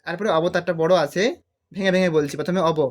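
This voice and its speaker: A man teaching a devotional song on harmonium, explaining the notes step by step and singing drawn-out phrases. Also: sits high, fairly even intonation, loud music behind the voice. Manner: explains slowly, then sings drawn-out phrases. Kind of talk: step-by-step music tutorial. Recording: harmonium loud under the voice.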